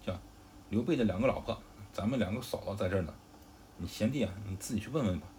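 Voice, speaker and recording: A man voicing a calm, loyal male general who earnestly explains and pleads his case in a storybook retelling. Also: on the low side, fast, a little hiss or hum, natural voice. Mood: pleading.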